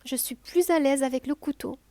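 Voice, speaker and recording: A woman with a southern French accent, calmly explaining a cooking tutorial step by step, with frequent hesitations. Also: sits high, moderate pace, dry recording. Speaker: home cook.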